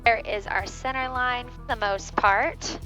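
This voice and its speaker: A woman pilot speaks into her cockpit headset as she works through her checklist. Her callouts are calm and methodical, and her voice is bright, crisp and a little high. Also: a little slow, soft background music. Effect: pilot speaking on a cockpit headset mic. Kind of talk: talking through preflight checks and radio calls. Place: small twin-engine airplane cockpit. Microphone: aviation headset.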